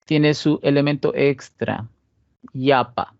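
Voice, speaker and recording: The recording is dry and muffled as a teacher with a Cochabamba Bolivian Spanish accent explains statistics in a mid-range voice with vocal fry, taking his time. He goes step by step, tosses out rhetorical questions, and frequently checks in with "¿listo?"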